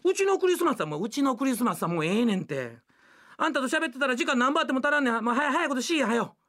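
A bossy, devout housewife, as a woman telling rakugo puts her on, nagging in quick Kansai dialect. Her voice sits fairly high and lively. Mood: impatient. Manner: scolding, nagging. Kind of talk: rakugo storytelling.

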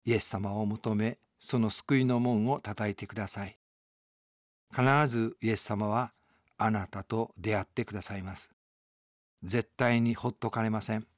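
A man's voice: lowish voice, steady tone, measured pace, no echo. A man, a pastor, delivering an earnest, emphatic radio sermon from a studio.

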